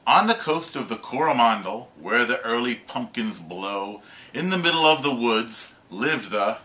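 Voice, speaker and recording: A man reciting a humorous poem aloud with his child, in a rhythmic, sing-song way with lively emphasis. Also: mid-range voice, a little slow. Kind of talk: expressive poetry reading.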